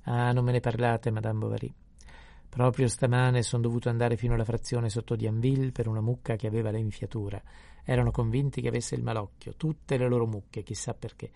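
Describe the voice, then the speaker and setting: A man's voice: medium pitch, flat delivery, gravelly, warm tone, dry recording, lightly acted. A man voicing a chatty, fussy middle-aged village priest in an audiobook reading. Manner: chatty, fussy, quick to scold.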